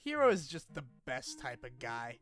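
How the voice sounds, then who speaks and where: A man with a medium-pitched, slightly bright voice swings widely in pitch while narrating a scripted game retrospective at normal speed. He's casual, sweary, and opinionated, tossing in asides as background music plays.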